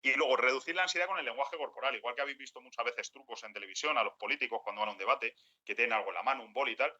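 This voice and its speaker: A man leads a workshop talk for a group, his tone strikingly bright and forward. He often acts out what people might say. The recording sounds dull and lo-fi. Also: medium pitch, rapid-fire. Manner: acts out quoted speech, animated. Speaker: workshop speaker. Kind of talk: lecture to a group.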